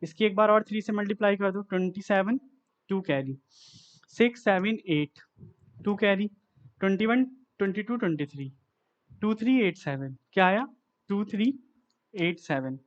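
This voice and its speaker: A man's voice: sits high, normal speed, long pauses, lo-fi sound. A man teaching a maths lesson, working through sums aloud step by step and asking himself each next step.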